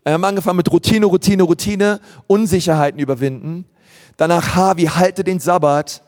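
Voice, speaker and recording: A man's voice: high voice, fairly quick, darkish tone. A man preaching a sermon as a pastor, earnest and emphatic, repeating key phrases for weight. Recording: long hall reverb.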